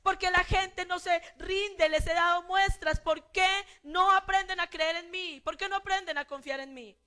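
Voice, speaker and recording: A woman preacher voicing Jesus as he pleads, slow and raised, over people's lack of faith. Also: very high voice, steady tone, bright, forceful tone, soft background music, pitched above the performer's own voice. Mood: anguished pleading. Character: grieving, indignant Jesus pleading over unbelief.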